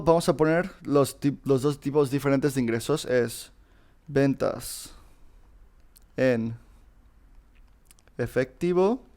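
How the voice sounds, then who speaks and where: Man explaining exam step by step, smooth voice. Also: mid-range voice, a little mellow. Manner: informal, addresses students directly, frequent fillers and restarts. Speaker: teacher solving a past exam. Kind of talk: casual screen-recorded lesson.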